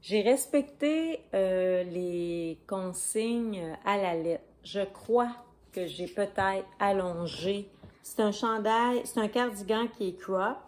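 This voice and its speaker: A woman's voice: mid-range voice, slow pace, a little mellow. A woman with a Québécois French accent hosting a knitting video podcast at home, talking casually to a camera, rambling and correcting herself. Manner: chatty, rambling, self-correcting, glances at notes. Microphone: camera on a stand.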